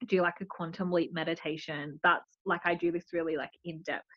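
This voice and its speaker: A woman's voice: lowish voice, fairly even intonation, fairly quick, no room sound. A woman guest in a casual interview, explaining her ideas thoughtfully with many "like" fillers. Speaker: podcast guest. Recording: dull lo-fi audio.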